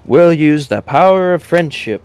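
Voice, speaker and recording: A man's voice: on the high side, expressive, unhurried, a little mellow. A young man in casual, sweary, joking banter while playing a video game.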